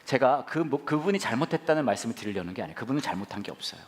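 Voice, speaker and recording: A man pastor telling stories in a humorous sermon, playful and animated, acting out others and bursting into shouts. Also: medium pitch, rapid-fire. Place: church sanctuary.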